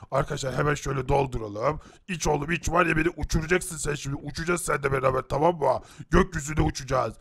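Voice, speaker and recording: A man's voice: on the high side, vocal fry, a bit bright. A man voicing Herobrine, a boastful muscular boy racer in a Minecraft animation, who taunts the others.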